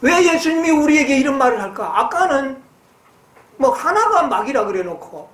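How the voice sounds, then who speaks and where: Animated woman preacher, high voice. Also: roomy sound. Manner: asks the listeners questions and answers them herself; reads slowly, then explains in a livelier voice. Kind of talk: sermon with Bible reading.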